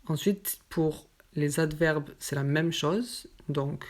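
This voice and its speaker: A woman with a low voice teaches pronunciation at an unhurried pace. She explains each example patiently and says the words slowly and carefully. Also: darkish tone. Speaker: French teacher. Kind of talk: slow explanatory lesson.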